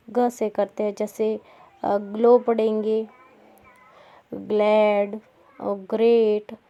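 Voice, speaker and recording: Woman teacher, slow deliberate delivery, warm mellow tone, repeats key points for learners. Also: fairly high pitch, muffled recording. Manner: slow, repetitive, asks and answers her own questions. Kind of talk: Hindi-language English pronunciation lesson.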